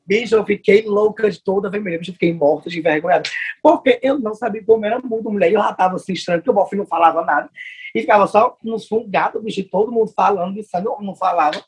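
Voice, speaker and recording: Guest, male, Northeastern Brazilian accent; husky high voice, dramatic storyteller. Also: fast. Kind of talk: casual chat.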